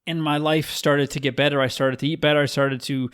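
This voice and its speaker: A man's voice: fairly high pitch, little pitch movement, a little fast, a bit bright, clean tone. A man hosting a podcast, talking in a rambling, heartfelt way with many fillers. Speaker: podcast host. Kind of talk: casual podcast interview.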